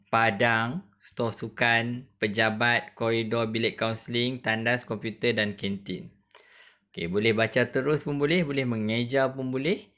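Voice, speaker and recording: A young adult man with a Malaysian Malay accent, a primary school teacher giving an online reading lesson, spelling words out slowly syllable by syllable and encouraging the pupils. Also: mid-range voice, sharp tone.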